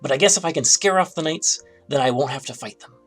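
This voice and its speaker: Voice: mid-range voice, fast talker, soft background music, natural voice. A game developer voicing a grumpy, boastful yet insecure young female dragon for a video game, in a theatrical, declamatory manner. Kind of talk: game character voice-over, playful live read.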